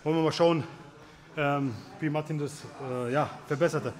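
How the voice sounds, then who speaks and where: A man in his thirties speaks as a fight coach, explaining and commenting casually. His voice is a bit high, with the clear chatter of a busy gym behind it. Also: steady tone, normal speed. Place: large busy martial arts gym.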